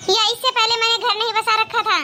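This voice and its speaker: A woman's voice: very high-pitched, flat delivery, a little fast, noisy background. A woman voicing a nagging village mother-in-law in a cartoon, scolding and taunting her daughter-in-law. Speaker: cartoon voice actor. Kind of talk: cartoon moral-story dialogue.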